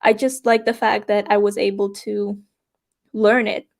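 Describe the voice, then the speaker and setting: A young woman hosting a podcast, sharing her experiences in an open, reflective way. She sometimes restarts her sentences as she works through her thoughts, and her voice sits at a middle pitch. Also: flat delivery, measured pace, creaky, darkish tone. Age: young adult. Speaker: podcast host. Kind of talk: candid personal conversation.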